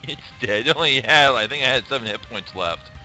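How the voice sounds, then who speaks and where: A man runs a tabletop session as game master, counting dice totals aloud in an ordinary middle voice. He pauses now and then to check his notes. Music is plainly audible in the background. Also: mid-range voice, lively intonation, pushed and bright. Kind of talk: casual tabletop game play.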